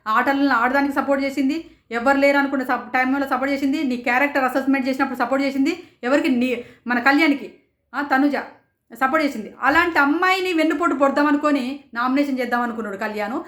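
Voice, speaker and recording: A woman reviewing a reality show in rapid, indignant commentary, firing off rhetorical questions. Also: high voice, fairly bright tone, reverberant. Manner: rapid, rhetorical, indignant, quotes others in raised voices. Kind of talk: passionate commentary.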